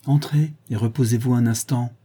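A man's voice: medium pitch, fairly even intonation, normal speed, dark tone, husky, close to an everyday voice. A man reading aloud and voicing a kindly farm servant woman who speaks in a soothing, reassuring way.

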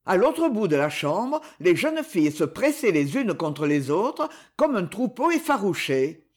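An expressive narrator reads a classic tale aloud. The delivery is dramatic, with pitch rising and falling freely. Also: a little slow. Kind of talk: audiobook narration.

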